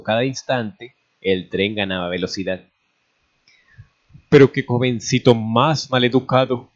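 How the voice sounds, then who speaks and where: A man narrating a fan story aloud, reading steadily and sometimes rereading a stumbled word. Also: fairly low pitch. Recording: dull lo-fi recording.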